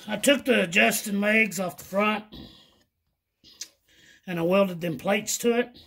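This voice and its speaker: An older man with a husky voice giving a casual, matter-of-fact, folksy practical explanation. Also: sits high, a little slow, fairly bright tone. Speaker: handyman partner explaining an installation. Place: indoors in a small trailer kitchen. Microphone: off-camera phone held by another person.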